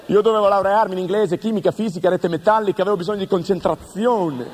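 A man delivering an absurdist stand-up monologue full of deadpan wordplay and mock-serious questions. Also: sits high, fast talker, slight background noise. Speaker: comedian.

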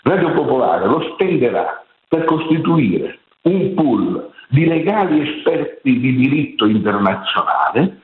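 A man's voice: mid-range voice, big pitch swings. Older male caller on a tinny speakerphone-like line. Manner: earnest and critical, halting with many fillers. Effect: heard over a poor phone line, sounding like speakerphone. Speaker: radio call-in listener. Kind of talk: phone-in comment on live radio. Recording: tinny, echoey phone line.

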